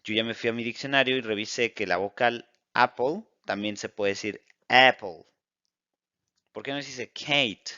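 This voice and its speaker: A man teaching an English lesson in Spanish, explaining clearly and slowing down to model English example phrases. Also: mid-range voice, sharp tone, no echo, lo-fi sound.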